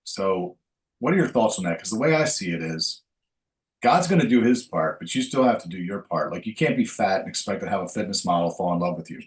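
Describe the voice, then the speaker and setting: A man's voice: low voice, animated, fairly quick, far from the mic, low-quality recording. A man hosting a podcast, asking laid-back, rambling questions full of fillers. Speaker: podcast host and dating coach. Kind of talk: casual interview chat.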